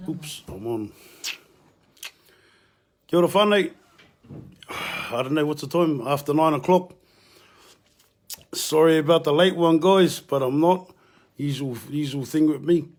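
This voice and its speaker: A man with a Māori New Zealand English accent, talking casually and haltingly to a live video audience, mixing in Māori words. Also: a little high. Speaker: community housing helper hosting a live video. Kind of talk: casual live vlog talk.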